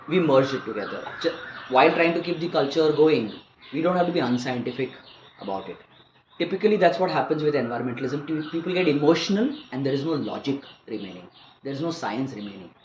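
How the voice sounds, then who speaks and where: A man's voice: on the high side, a little mellow. A man in his fifties with an Indian accent, speaking articulate, educated English as he explains things conversationally in an interview. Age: 50s. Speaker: interview guest, wildlife biologist and conservationist. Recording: roomy, muffled, faint background noise.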